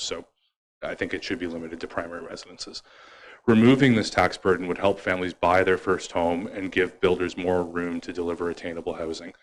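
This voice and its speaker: Male councillor, very deep, flat even delivery, formal motion reading.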